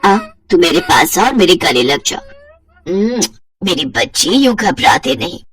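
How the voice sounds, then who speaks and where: A woman voicing a kind, loving middle-aged mother-in-law who speaks softly and soothingly. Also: lowish voice, big pitch swings, a little slow, husky, faint music behind, voice pushed down, full character voice. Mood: gentle soothing. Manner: soft, soothing, affectionate.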